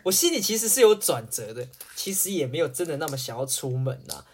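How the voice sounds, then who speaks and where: A woman's voice: deep voice, big pitch swings, fast talker, heavy background noise. A woman, chatting casually as a podcast co-host, swearing freely, laughing often and mimicking others. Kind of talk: casual chat.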